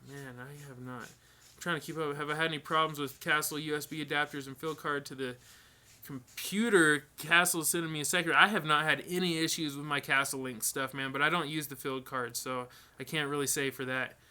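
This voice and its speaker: A man's voice: fairly high pitch, a little fast, clear, resonant tone. A man hosting a live stream, casually answering viewer questions with lots of ums and restarts. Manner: relaxed, rambling, many ums and restarts.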